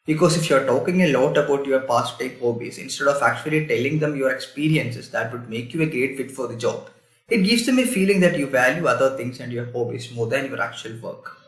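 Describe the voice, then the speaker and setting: A man giving scripted, step-by-step career advice on job interviews in a measured instructive tone. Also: medium pitch, roomy sound.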